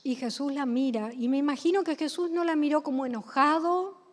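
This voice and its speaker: A woman's voice: high-pitched, a little fast. A woman preacher with a Rioplatense accent, delivering a sermon, telling stories and asking the congregation questions. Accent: Rioplatense Spanish. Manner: storytelling, asks the congregation questions. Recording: long hall reverb.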